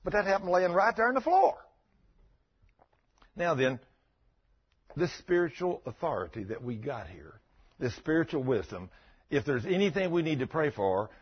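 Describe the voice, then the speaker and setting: A man's voice: medium pitch, breathy edge, lo-fi sound. A man preaching a folksy sermon, telling stories and bantering with his congregation.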